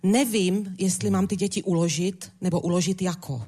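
A woman's voice: on the low side, fairly even intonation, noisy background, close to an everyday voice. A woman playing a whiny hypochondriac patient who complains dramatically, in an improvised comedy sketch. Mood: complaining.

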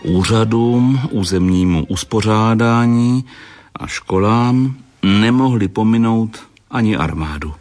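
A man with a very low voice co-narrates a history documentary. He adds explanatory remarks in a conversational tone. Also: darkish tone, soft background music.

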